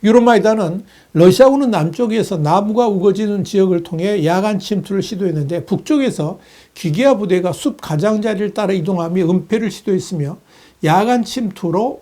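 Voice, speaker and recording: A man delivering a steady, measured news analysis, reading reports with the occasional filler. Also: high-pitched. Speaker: news commentator.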